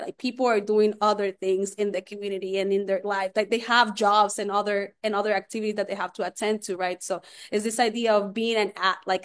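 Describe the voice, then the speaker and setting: A woman from Puerto Rico speaking on a panel as a community researcher, earnest, with frequent restarts and fillers. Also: mid-range voice. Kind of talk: panel discussion.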